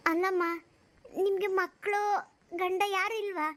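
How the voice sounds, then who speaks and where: A woman voicing a poor, abandoned young mother in a cartoon, speaking softly and respectfully. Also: extremely high pitch, fairly even intonation, a little slow. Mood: caring. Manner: soft, pleading and respectful. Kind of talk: cartoon voice acting.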